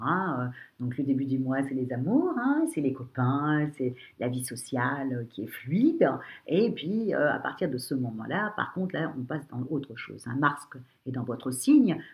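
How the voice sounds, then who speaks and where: A woman with a broken, cracking, rather weak voice gives an informal horoscope to viewers as an astrologer, emphatic but halting, often repeating herself. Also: very deep voice, a little mellow. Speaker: astrologer giving a monthly horoscope.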